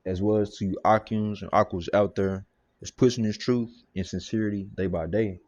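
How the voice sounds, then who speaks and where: A man's voice: on the low side, fairly even intonation, moderate pace, a little mellow. A man giving a casual, rambling scripture lesson full of fillers. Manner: loose, rambling, many fillers. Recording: dull lo-fi recording with hum. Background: freezer motor hum.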